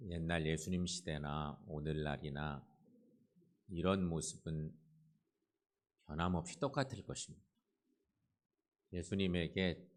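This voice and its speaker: A male pastor giving a Sunday sermon in a church, retelling a story in an animated way and acting out the voices. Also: low-pitched.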